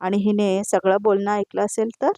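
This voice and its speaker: Woman doing a scheming aunt, sharp and complaining, dry. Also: medium pitch, little pitch movement, normal speed, no echo, natural voice. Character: scheming aunt feigning concern.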